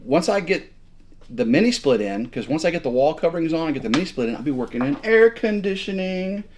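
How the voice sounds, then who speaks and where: A man in his fifties chats casually as a co-host, his pitch swinging widely as he jokes. He rambles and repeats himself, stumbling over words as he goes. He is recorded indoors at home. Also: big pitch swings, a little fast, a little mellow, slight background noise. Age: 50s. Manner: jokey, rambling, stammers on repeats. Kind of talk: casual chat.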